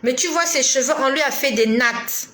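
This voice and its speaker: Woman preacher, high bright voice, emphatic rebuking sermon, echoey room. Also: normal speed. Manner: emphatic, admonishing, rhetorical questions. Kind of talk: prophetic sermon.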